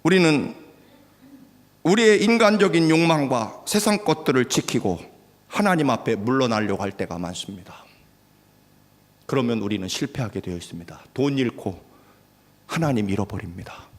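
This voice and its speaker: A male pastor delivers a sermon in a church sanctuary, his voice ringing with a long hall reverb. His delivery is lively in pitch, rising to loud, stirring exhortation and then dropping to near-whispered emphasis. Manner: dramatic swings between loud exhortation and hushed delivery.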